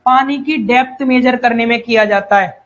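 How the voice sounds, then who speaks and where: Male tutor with a high voice, repeats terms, reads definitions slowly. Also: a bit bright, rough recording. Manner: repeats key terms, calls students brother and child; reads English definitions slowly, then explains in Hindi. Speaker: civil engineering teacher. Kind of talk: online exam-prep lecture.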